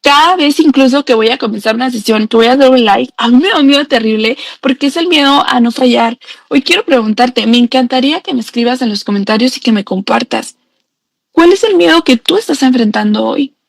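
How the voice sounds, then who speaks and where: An earnest young woman shares a personal story as a growth coach, speaking intimately and straight to the listener. Her voice sits fairly high, and the recording is close and dry with no room sound. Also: a little fast, creaky, no echo. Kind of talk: heartfelt personal storytelling to camera.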